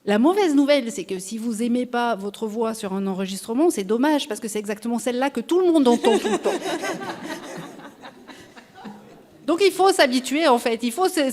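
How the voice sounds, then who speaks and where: Woman panelist at a live festival talk, matter-of-fact, voice sits a bit high. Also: a little mellow. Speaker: round table panelist. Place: live festival round table.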